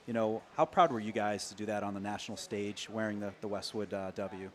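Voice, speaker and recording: A man co-hosting a local sports show, praising athletes in loose, energetic run-on phrases. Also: fairly low pitch, a little fast. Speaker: co-host. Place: local TV studio.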